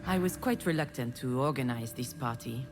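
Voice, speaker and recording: An actress with a rumbling low voice, speaking at normal speed over a noisy background, plays a visual novel protagonist. In dramatic first-person narration, the frustrated, self-deprecating woman confides her family wounds in a bitter, regretful monologue.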